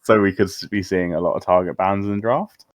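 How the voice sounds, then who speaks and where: A man's voice: sits low, steady tone, brisk, no echo. A man co-casting an esports match, chatty and speculative. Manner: chatty, laughs easily, speculative. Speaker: esports co-caster. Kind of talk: casual esports commentary.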